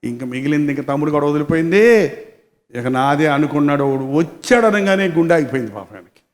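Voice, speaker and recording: A man pastor preaching a sermon with animated storytelling, often putting rhetorical questions to the congregation. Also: on the high side, quick pace, in a large hall. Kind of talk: Telugu sermon.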